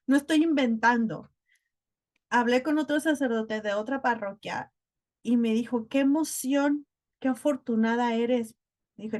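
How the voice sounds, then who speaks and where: A woman, a spiritual podcast guest, earnestly telling a personal story in casual chat. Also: fairly high pitch.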